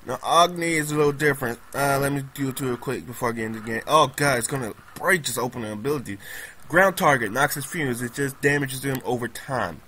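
A man casually commenting on his own game as he plays, excitable and prone to repeating himself. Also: mid-range voice, brisk, slight background noise, rough recording. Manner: excitable, repeats pleading words, laughs often. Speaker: gamer recording gameplay commentary. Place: at home on a laptop.

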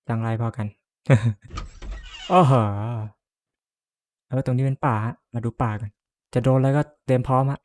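A man's voice: medium pitch, darkish tone. A man playing a horror game and commenting as he goes, jumpy, cursing and laughing nervously. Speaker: gamer.

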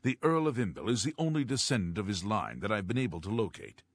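An actor voicing a mysterious master thief who leads a guild, speaking in measured video game dialogue. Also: male voice, lowish voice, big pitch swings, dry recording. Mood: secretive.

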